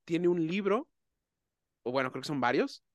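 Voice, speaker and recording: A man's voice: a little high, lively intonation, normal speed, no echo, clean studio sound. Thoughtful man hosting a chat. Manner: thoughtful, explaining ideas carefully. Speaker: host. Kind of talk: casual conversation.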